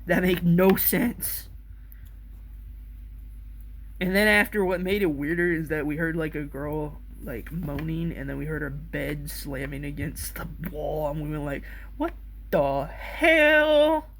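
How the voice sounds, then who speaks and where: Rambling, excitable man telling a story. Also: fairly high pitch, moderate pace, gravelly, hardly any pauses. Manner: excitable, rambling, swears freely. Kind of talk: casual rambling anecdote.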